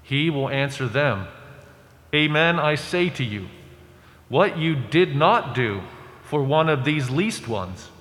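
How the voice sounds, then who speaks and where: A male priest reading the Gospel aloud in measured, formal phrases, with cathedral echo around his voice. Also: a little high, lively intonation, a bit bright. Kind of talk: liturgical Scripture reading. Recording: echoey church with long reverb.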